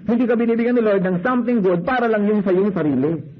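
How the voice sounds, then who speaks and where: A man's voice: high-pitched, quick pace, slightly rough, narrow, tinny audio. A man with a Filipino accent preaching a sermon. He switches between Tagalog and English and acts out short prayers of thanks. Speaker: pastor.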